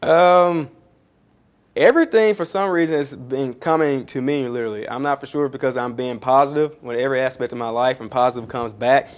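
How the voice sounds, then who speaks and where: A man speaking as the featured guest at a small startup event. He rambles cheerfully through his answers, with plenty of ums and jokes at his own expense, at a middling pitch. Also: fairly quick. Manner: chatty, rambling, self-deprecating, many fillers. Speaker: pastry chef and founder, featured speaker. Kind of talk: casual onstage Q&A answers. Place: coworking space event.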